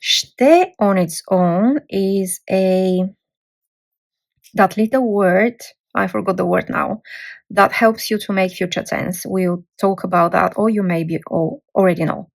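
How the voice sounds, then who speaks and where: A woman gives a patient language lesson at an unhurried pace. She breaks words into single letters and syllables and sounds each out clearly. Her voice sits at a middle pitch, and now and then it drifts a little away from the mic. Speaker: language teacher. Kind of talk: slow, careful language lesson.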